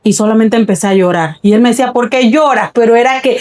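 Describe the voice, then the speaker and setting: A woman's voice: on the high side, quick pace, mellow. A woman pastor giving an earnest, reflective personal testimony in a faith podcast conversation, often repeating her words.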